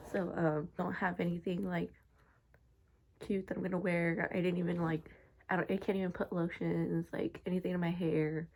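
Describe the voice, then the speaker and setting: A woman's voice: lowish voice, creaky. A young woman with a congested, nasal voice talking casually to camera in a personal vlog, informal and slangy. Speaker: vlogger.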